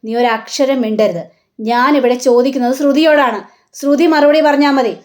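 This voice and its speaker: A woman acting out a furious mother-in-law in a retold soap scene, demanding answers in a slow, hammering way. The voice sits high and pointed, scolding without letup. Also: steady tone, a little mellow, natural voice. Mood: harsh, demanding. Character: stern angry mother-in-law interrogating her daughter-in-law.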